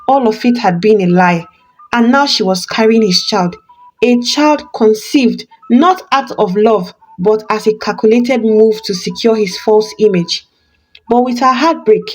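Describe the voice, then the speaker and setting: A woman narrating a scripted dramatic folktale in a measured, suspenseful storytelling manner. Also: fairly high pitch, low-quality recording. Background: soft background music.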